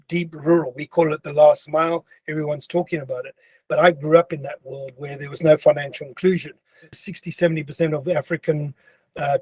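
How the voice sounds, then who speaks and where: A man's voice: on the high side, darkish tone, breathy edge, no echo. A man, a company founder giving an earnest interview statement and repeating phrases for emphasis. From Zambia.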